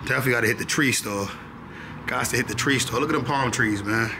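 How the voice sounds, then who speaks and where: A mid-range male voice moves at a quick pace as a vlogger in his twenties tours a rental apartment, going from the interior to the rooftop. He's relaxed and slangy, repeats his phrases, and often asks "you know what I'm saying." The handheld camera is close to him, and the echoey rooms carry clear background noise.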